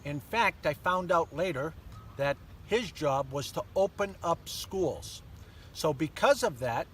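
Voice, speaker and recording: An older man with a slightly high voice tells stories of his childhood at an easy, measured pace, pausing often. He was recorded outdoors in a sunny park by a camera mic at some distance, with faint background noise. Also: expressive, fairly bright tone. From born in Germany to American parents. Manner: measured storytelling with many pauses and fillers. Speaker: interview guest. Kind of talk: casual interview.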